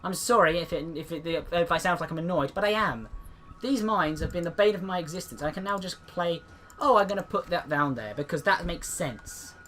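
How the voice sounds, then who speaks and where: A man's voice: fairly high pitch, fairly quick, fairly bright tone, faint music behind. A man giving casual let's-play commentary, chatty and rambling, often restarting his sentences. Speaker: gameplay commentator.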